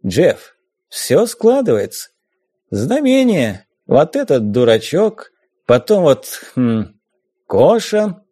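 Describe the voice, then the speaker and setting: A man's voice: medium pitch, very animated, takes it slowly, dark tone, slightly rough, no echo, clean studio sound, exaggerated voice. A man voicing a sly, pushy ghost pirate in an audiobook, in a raised sing-song voice.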